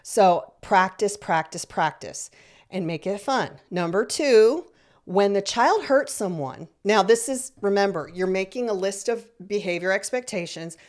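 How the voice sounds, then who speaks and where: A woman's voice: medium pitch, animated, normal speed. A middle-aged woman giving parenting advice, encouraging, repeating her points and checking in with the listener. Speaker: parenting coach. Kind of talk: instructional talk to parents.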